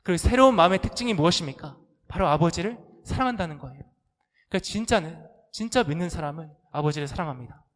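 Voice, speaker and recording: A male pastor delivers a sermon in a high voice, carried by the long reverb of a church sanctuary. He puts questions straight to the congregation and slips into pleading, aggrieved prayers to make his point. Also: lively intonation, fast talker, a bit bright. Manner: acts out complaining prayers with rising, pleading intensity; asks the congregation direct questions.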